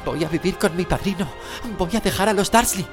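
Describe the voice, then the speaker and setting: A man's voice: wildly swooping pitch, slow pace, over music, exaggerated voice. Harry Potter, a man doing a desperate boy wizard. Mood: desperate shouting. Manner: high strained shouting.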